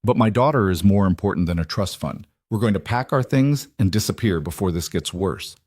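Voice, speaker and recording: A man's voice: low voice, animated, fairly quick, a little mellow, no echo, studio quality. A man voicing a blunt, protective single dad. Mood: resolute. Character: frustrated, protective single father. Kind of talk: storybook narration.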